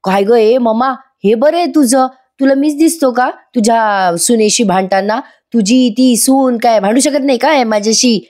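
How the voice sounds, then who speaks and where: A woman's voice: on the high side, normal speed, hardly any pauses, a little mellow, pitched above the performer's own voice, close to an everyday voice. A woman doing a sulky young husband. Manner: protesting, sulky.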